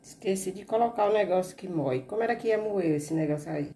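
In this casual cooking vlog shot on a phone, a woman briskly talks her viewers through what she's making in a small home kitchen. Her voice is medium-pitched, and the background is noisy with a loud sizzling pan and clattering.

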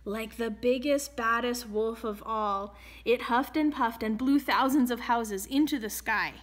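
A woman's voice: on the high side, unhurried, natural voice. A woman voicing a proud mother telling a dramatic family story in a storybook reading.

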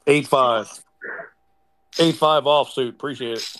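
A man's voice: medium pitch, a little slow, a bit bright. A man making laid-back remarks to friends during an online poker game. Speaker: poker player on voice chat.

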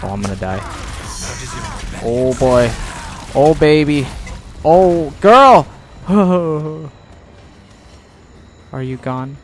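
A man's voice: fairly high pitch, animated, very slow, pauses often, slight background noise. A young man giving casual gameplay commentary with playful, self-mocking banter.

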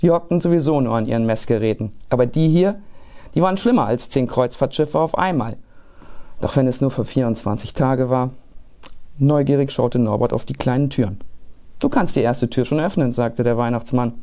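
A man with a gravelly, dark voice reads a children's Christmas story aloud. His reading is lively and expressive, and he shapes the sentences like a practiced storyteller. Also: medium pitch, a little fast.

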